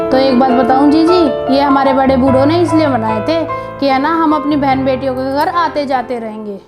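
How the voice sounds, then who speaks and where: A woman voicing a sensible, kind middle-aged relative who reasons calmly and admonishes. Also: sits high, natural voice. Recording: piano music behind.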